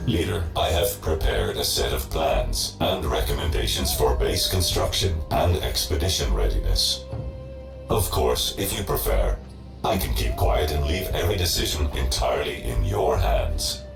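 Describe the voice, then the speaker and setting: A rusty male robot, a loyal game base assistant with a glitchy robotic filter. His voice is extremely deep and gravelly, and its pitch swings widely. It sits in a roomy echo over game music. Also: sing-song, normal speed, full character voice. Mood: dutiful. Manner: dutiful, formal reports. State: glitching, stuttering on boot-up. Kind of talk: video game voice acting.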